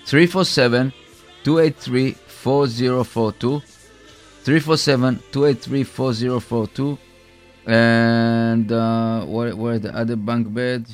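Male radio announcer, mid pitch, stumbling improvised sponsor reads, repeats phrases, music bed. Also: steady tone. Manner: halting, repetitive, circles back on phrases. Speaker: radio co-host.

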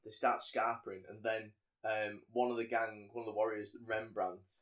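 A man chatting on a podcast, recapping a film scene by scene. He rambles and gets animated as he goes, with plenty of ums along the way. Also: lowish voice, normal speed. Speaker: podcast co-host. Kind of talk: casual film recap chat.

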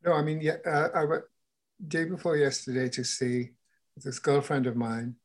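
A woman's voice: low voice, level tone, moderate pace, a little mellow. A woman in her eighties speaking frankly in a casual conversation as a guest, often repeating herself. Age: 80s.

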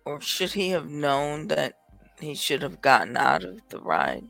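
A podcast co-host talks casually in a bright, forward voice with noticeable creak. The phrasing is slow and halting, recorded very dry. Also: medium pitch, sing-song, no room sound, faint music behind.

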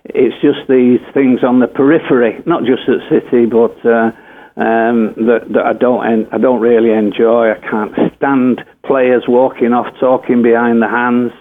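An older English man, once a footballer, tells a rambling anecdote packed with fillers and self-corrections. His medium-pitched voice is level and measured, heard over a tinny, phone-like radio line.

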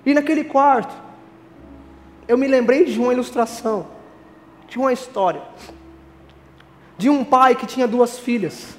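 A man's voice: very high-pitched, a little slow, pauses often, a little hiss or hum. A man preaching an earnest sermon, telling illustrative stories with emphatic delivery. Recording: long reverb, faint music.

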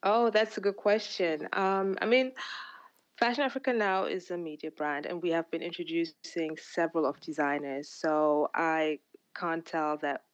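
Ugandan-born woman, low, hesitant guest. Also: steady tone, dry recording, dull audio. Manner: thoughtful, many ums and pauses. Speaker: podcast guest, fashion platform founder. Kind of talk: casual interview answers.

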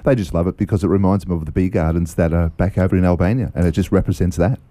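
Deep fast-talking Australian man. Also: steady tone, warm tone, no room sound. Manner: rambling, hesitant, with many fillers. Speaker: festival organiser guest. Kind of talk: casual radio interview. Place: radio studio.

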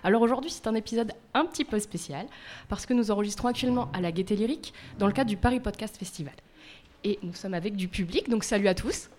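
A woman co-hosting a podcast on a live stage, presenting in a brisk, upbeat way. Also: mid-range voice, a little mellow. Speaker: podcast co-host. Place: live stage before an audience.

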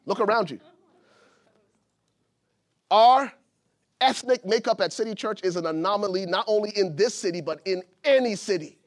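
A preacher from Liberia delivers a sermon with a high voice. He builds his points with rising emphasis and at times shouts them out to the congregation. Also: normal speed, pauses often. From Liberia, West Africa. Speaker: pastor.

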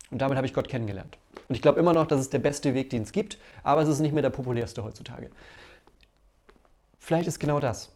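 A man's voice: mid-range voice, darkish tone. A male pastor giving a conversational sermon, acting out everyday stories as he goes.

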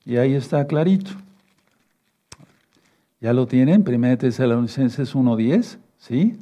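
A male preacher giving a fatherly sermon, reading scripture verses slowly and often checking in with his listeners. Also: medium pitch, lively intonation, warm tone. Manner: fatherly, repeats "no, no, no" and asks "¿sí?"; reads verses slowly and rereads them.

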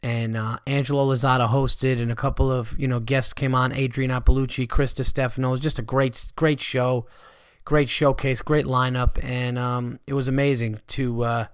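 Male podcast host, comic type: stuffy-nosed allergy voice, mid pitch, dry close sound, loose casual rambling. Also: level tone, normal speed, smooth, dry recording. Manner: rambling, conversational, swearing freely. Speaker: stand-up comedian hosting a podcast.

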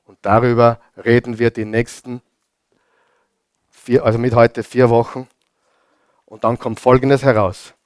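A man preaching a sermon, talking informally to his congregation and sinking into soft whispers for emphasis. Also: medium pitch, level tone, unhurried, pauses often, no echo. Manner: informal, addresses congregation directly. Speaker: pastor.

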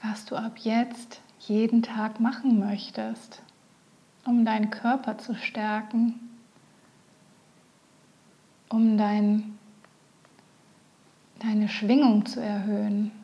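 A woman leading a guided meditation, speaking softly and often in a whisper. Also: medium pitch, flat delivery. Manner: slow, soft, often whispered.

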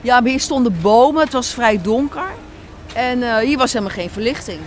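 A slightly high, expressive female voice moves at a brisk pace. She's a writer and director giving an interview, offering thoughtful, conversational replies while hunting for the right words, in a noisy on-location recording at an Amsterdam café and square with the city audible.

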